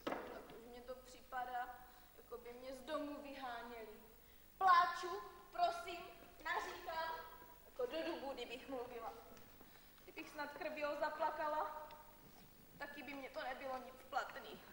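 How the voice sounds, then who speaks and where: A woman's voice: high voice, long pauses, bright, forceful tone. A young woman acting a stubborn, desperate village girl pushed toward marriage, pleading and declaiming on stage. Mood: despairing. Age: young adult. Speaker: stage actor. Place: theatre stage. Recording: echoey theatre hall, distant mic, faint noise.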